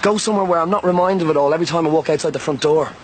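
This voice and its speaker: A man's voice: fairly high pitch, rapid-fire, slight background noise, natural voice. An actor playing a weary, wrongly accused young man from Ireland in a soap opera, self-pitying and restless.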